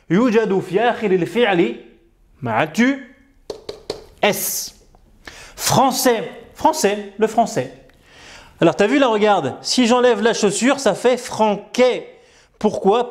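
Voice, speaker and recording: A man teaching reading, patiently sounding out French syllables one at a time and switching into to explain. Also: high voice. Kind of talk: bilingual reading lesson, French explained in Arabic.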